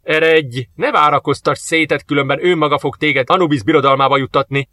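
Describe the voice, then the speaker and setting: A man voicing a gruff, scornful male soldier who speaks in a drawn-out, mocking way. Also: a little high, steady tone, sharp tone, no room sound. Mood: insistent.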